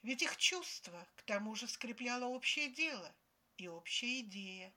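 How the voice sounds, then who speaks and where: A woman's voice: fairly high pitch, animated, normal speed, bright, forceful tone. A woman voicing a smug young man who lectures his girlfriend in a condescending tone. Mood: lecturing.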